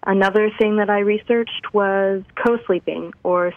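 A woman's voice: mid-range voice, steady tone, measured pace, dry recording. Woman on a phone line breaking up. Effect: phone line breaking up and cutting out. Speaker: phone-in guest. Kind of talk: casual radio talk. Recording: tinny, dry phone line.

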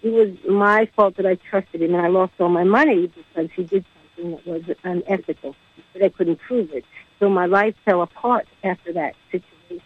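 A woman calling in to a radio show, heard over a crackly phone line that fades in and out, speaking hesitantly with many pauses. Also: lowish voice, slightly rough, no echo. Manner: hesitant, halting, full of ums. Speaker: caller. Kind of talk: call-in question to a radio show. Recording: tinny, dry phone-line audio.

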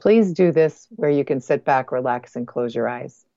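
A woman guides a meditation in a low, mellow voice, soft and close as if right in your ear. She phrases deliberately, leaving pauses between short groups of words. The sound is dry but dull and lo-fi. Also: lively intonation, no echo. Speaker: guest energy healer.

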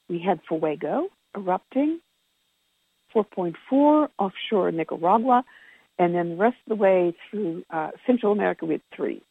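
Someone with a husky, creaky, mid-range voice reads an informal report from notes during a conference call, speaking conversationally and correcting themselves now and then. The phone-like line sounds tinny and carries an echo.

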